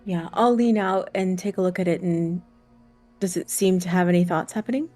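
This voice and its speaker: A woman's voice: on the low side, moderate pace, dark tone, soft background music. Hesitant woman playing a tabletop game. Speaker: player. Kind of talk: casual tabletop play.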